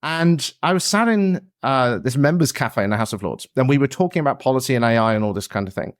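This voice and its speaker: A man's voice: mid-range voice, lively intonation, fast, dry recording, studio quality. A man hosting a public relations podcast, moving from a scripted intro into chatty talk with fillers. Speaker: podcast host. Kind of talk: scripted podcast intro then casual chat.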